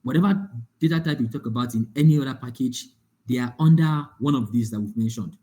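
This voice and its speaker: Man teaching with a mellow voice. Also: medium pitch, animated, brisk. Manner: explains with examples, often checks the class understands. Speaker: data analytics instructor. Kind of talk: live online lecture. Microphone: online call.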